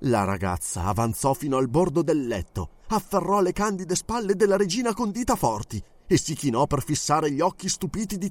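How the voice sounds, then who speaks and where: A man narrates an audiobook with dramatic expression. His mid-range voice moves a lot in pitch, and the recording sounds dry and close. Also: no echo.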